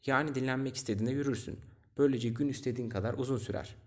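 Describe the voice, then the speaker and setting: A man reading aloud, voicing a curious, gentle young boy prince from a storybook who asks earnest questions. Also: mid-range voice, fairly even intonation, rapid-fire, close to an everyday voice.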